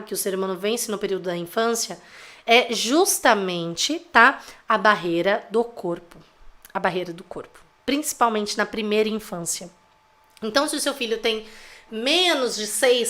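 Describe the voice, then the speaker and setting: A woman's voice: medium pitch, a bit bright. A woman with a Brazilian accent, a parenting educator teaching a live-streamed class in a chatty, teasing way, constantly checking in with her viewers. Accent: Brazilian Portuguese. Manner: chatty, teasing, fills with tag questions.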